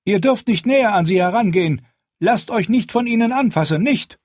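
A man voicing a young, protective warrior bodyguard in an audiobook, urgent and very high. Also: animated, moderate pace, dry recording, clean studio sound. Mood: alarmed.

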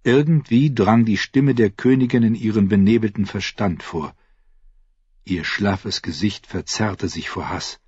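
A man reading a fantasy novel aloud with dramatic, expressive narration. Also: on the low side, unhurried, slightly rough, no echo. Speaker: audiobook narrator. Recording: dry, slightly dull audiobook recording.

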